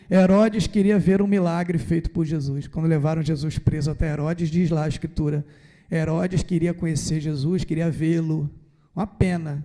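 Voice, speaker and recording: A man's voice: on the high side, vocal fry, dark tone. A man, a parish priest, giving a conversational Sunday homily and acting out pleas to Jesus. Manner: conversational, acts out dialogue with Jesus. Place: church.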